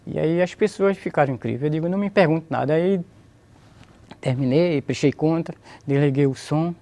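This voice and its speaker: In a slightly high, warm voice at a normal speed, a Brazilian man offers an emotional testimony about converting to his faith. As the interviewee, he praises God and repeats phrases along the way.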